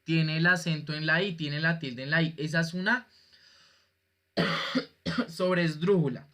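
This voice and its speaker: Over a video call, a man teaches an online class with a patient, joking manner, questioning students throughout his explanations. His voice is a little high, pushed and bright, and his pace unhurried.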